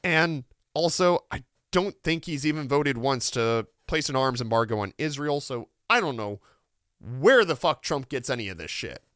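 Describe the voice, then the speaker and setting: A man with a sore throat talks through political news in a loose, rambling way, full of fillers. His pitch swings widely, and the tone stays smooth and close in a dry, dead space. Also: lively intonation, normal speed, fairly bright tone, no room sound. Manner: rambling, many "like" fillers, swearing, laughs often. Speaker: radio and podcast host. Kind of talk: casual political commentary.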